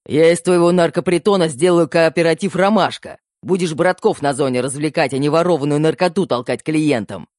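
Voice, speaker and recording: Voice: mid-range voice, fairly quick, few pauses, darkish tone, no room sound, clean studio sound, voice pushed up, lightly acted. A reader voicing a menacing, commanding tough man who barks threats in an audiobook. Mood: barking. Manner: barking, threatening.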